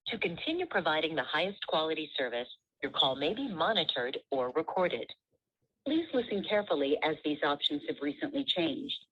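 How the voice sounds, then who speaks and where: A woman's voice on a recorded automated phone menu, heard over a speakerphone, reading prompts in a measured, polite way. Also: deep voice, very animated, breathy edge. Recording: muffled speakerphone audio.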